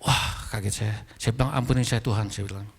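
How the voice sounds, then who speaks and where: A man's voice: on the low side, a little fast, creaky, slightly rough. A male pastor, preaching a sermon and acting out the dialogue in his story. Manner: animated storytelling, acting out dialogue, addressing congregation as "saudara". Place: large church hall. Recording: long hall reverb.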